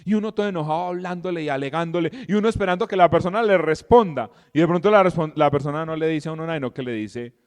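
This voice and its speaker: A middle-aged man explains scripture in a lively, conversational way, checking in with his listeners through constant rhetorical questions. His voice sits slightly high for a man, and a long reverb trails each phrase. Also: rapid-fire, hardly any pauses, smooth. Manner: animated, asks the listeners frequent rhetorical questions. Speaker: Bible teacher and podcast host. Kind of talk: conversational Bible teaching.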